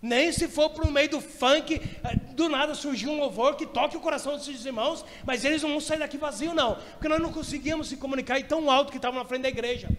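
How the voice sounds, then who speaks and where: A male pastor preaching a sermon, telling a story and acting out dialogue with animated energy. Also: extremely high pitch, quick pace, few pauses, long reverb tail, slight background noise. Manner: animated storytelling, acts out dialogue, shouts in prayer. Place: church.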